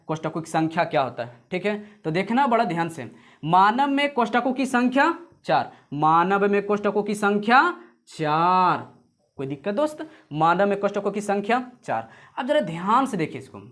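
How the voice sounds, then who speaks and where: A man teaching an exam-prep lesson, repeating points over and over and calling viewers "friends". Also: high-pitched. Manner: repetitive drilling, addresses viewers as friends; explains memory tricks with jokes and sung snippets. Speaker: coaching teacher.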